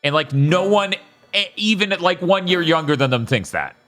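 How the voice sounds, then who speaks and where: A man's voice: fairly high pitch, animated, moderate pace, fairly bright tone. A man bantering casually as a game streamer, joking and swearing freely.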